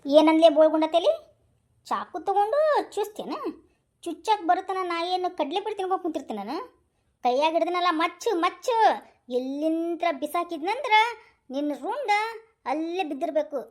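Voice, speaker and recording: A woman voicing a fierce, sharp-tongued village wife in a cartoon, with a North Karnataka Kannada accent. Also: very high voice, lively intonation, normal speed. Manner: scolding, bold.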